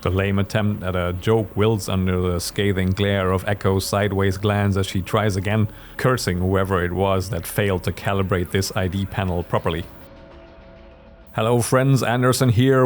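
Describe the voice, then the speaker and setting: A man hosting and narrating a solo tabletop role-playing podcast in a measured, descriptive storytelling manner. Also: deep voice, steady tone, soft background music. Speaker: host and narrator.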